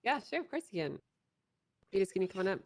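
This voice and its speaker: A woman's voice: medium pitch, very animated, fast, a little hiss or hum. A woman playing a patient, dryly amused judge in an improvised courtroom role-play, polite and conversational. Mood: polite, procedural.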